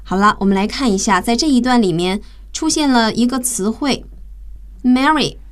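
A woman's voice: a little high, normal speed. A woman hosting a radio English lesson, explaining vocabulary step by step and spelling words out letter by letter. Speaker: English teacher and radio host.

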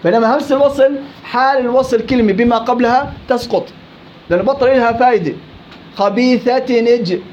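A man with a Levantine accent teaches recitation in a classroom, firing questions at his students in a very high, quick voice. He teases them as he drills the rules. The recording is dull and lo-fi, with a faint hiss behind him. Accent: Levantine Arabic. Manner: questioning students, teasing and lively. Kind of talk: live classroom lesson.

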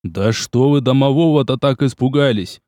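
A man's voice: mid-range voice, moderate pace, dark tone, no echo, studio quality, natural voice. A man voicing a cheerful, careless young nobleman. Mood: carefree. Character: carefree, cynical young nobleman.

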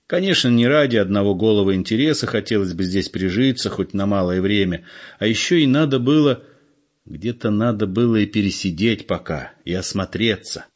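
Expressive low male audiobook narrator. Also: fairly quick. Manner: expressive, storytelling. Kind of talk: literary audiobook reading. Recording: dull lo-fi recording.

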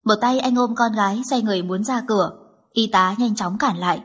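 A woman narrating a novel as a scripted audiobook, in steady storytelling. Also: medium pitch, a little fast, husky.

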